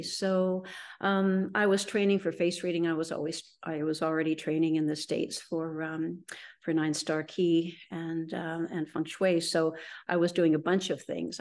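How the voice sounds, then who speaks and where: A woman's voice: low voice, a little mellow. A middle-aged woman, a guest in an interview, telling her story in a rambling way with frequent ums and restarts. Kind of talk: conversational storytelling.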